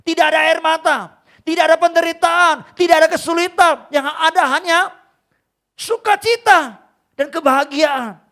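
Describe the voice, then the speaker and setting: Man playing God as a father figure, high voice, loud, soaring, tender rebuke, preached. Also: moderate pace. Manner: loud, soaring, pleading reproach. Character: God speaking tenderly to his grieving son. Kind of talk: preached quotation in a sermon.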